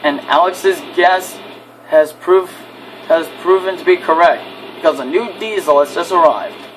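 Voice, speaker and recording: A man's voice: on the high side, fairly bright tone, slight background noise, low-quality recording. A man narrating an amateur toy-train video, stumbling and restarting his sentences. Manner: halting, frequent restarts.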